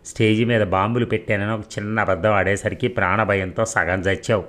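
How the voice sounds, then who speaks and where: A man's voice: lowish voice, brisk, close to an everyday voice. A man voicing a cool taunting young avenger. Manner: mocking, coldly calm.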